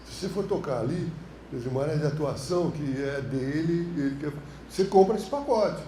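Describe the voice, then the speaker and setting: Man, Brazilian Portuguese accent, film director lecturing, high lively voice, mellow tone, casual slang, roomy classroom echo. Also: brisk, slight background noise. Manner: animated, colloquial storytelling, frequent slang. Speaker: film director teaching a course. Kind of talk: lecture with anecdotes. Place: university classroom.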